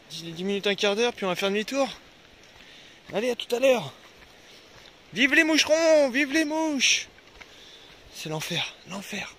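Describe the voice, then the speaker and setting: A high-voiced young man chats his way through a casual outdoor vlog at a riverside, talking to viewers and his dogs alike. When annoyed he swears now and then. Slight background noise is present.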